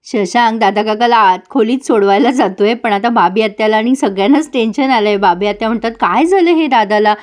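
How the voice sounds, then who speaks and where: A woman retelling a TV serial episode, lively and addressing viewers directly. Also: fairly high pitch, fairly quick, few pauses.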